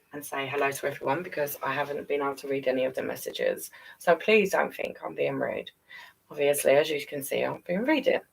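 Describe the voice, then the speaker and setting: Deep and gravelly with a breathy edge, the voice of this British woman carries her casual, affectionate live storytelling stream as she encourages viewers she calls darling and guys. The mic is far off and the recording is rough.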